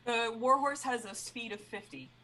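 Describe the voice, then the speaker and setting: A woman's voice: fairly high pitch, moderate pace, bright, forceful tone, low-quality recording. A woman playing a tabletop game, rambling and thinking aloud with fillers. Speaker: player. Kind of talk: casual tabletop play.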